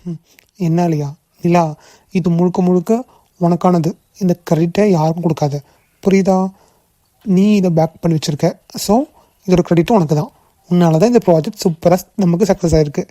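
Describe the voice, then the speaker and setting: Woman doing a kind young boss guy, gentle and coaxing, mellow dark voice, dry sound. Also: lowish voice, normal speed, long pauses, no echo, natural voice. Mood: reassuring. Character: young adult male boss, kind and reassuring. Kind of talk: cartoon voice acting.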